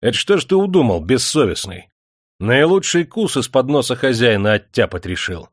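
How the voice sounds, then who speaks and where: A domineering, wrathful factory owner from an audiobook, as a male narrator puts him on, barking orders in a raised, forceful voice. He sounds booming and scornful, well above the reader's own low register, and the audio is dry and close. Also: expressive, normal speed, no room sound, natural voice.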